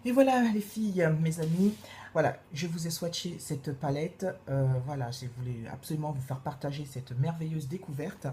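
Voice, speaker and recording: A woman reviewing makeup in a casual, gushing way, repeating her praise and filling pauses with hesitations. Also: low-pitched, warm tone, slight background noise. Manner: gushing, repeats praise words, many fillers. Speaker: beauty vlogger.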